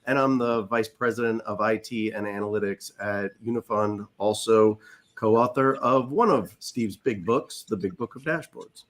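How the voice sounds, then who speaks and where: A man's voice: fairly low pitch, normal speed. Matter-of-fact man co-host from Ohio. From Cincinnati, Ohio. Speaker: co-host, professor. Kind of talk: casual webcast chat.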